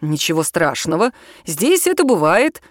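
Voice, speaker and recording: A woman voicing a gruff, curt grown man who organizes a camp trip, brusque and grumbling. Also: fairly low pitch, sing-song, moderate pace, no echo, clean studio sound, pitched below the performer's own voice. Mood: reassuring.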